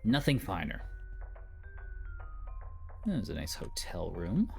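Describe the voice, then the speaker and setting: A man's voice: sits low, very animated, slow, gravelly, darkish tone, soft background music. A man casually commenting on a game as he plays, joking and muttering to himself. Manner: jokey, mutters to himself while playing. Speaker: let's player.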